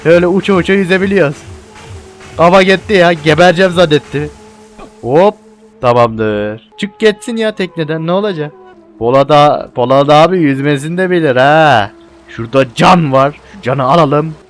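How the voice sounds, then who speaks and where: A young man giving casual, joking let's-play commentary with loud exclamations. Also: on the high side, normal speed, soft background music. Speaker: gameplay YouTuber.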